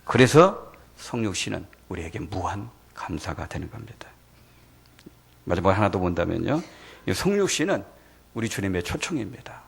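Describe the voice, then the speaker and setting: Animated gravelly male pastor preaching. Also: low-pitched, moderate pace. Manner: animated, many rhetorical questions to the congregation. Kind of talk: sermon. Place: church sanctuary.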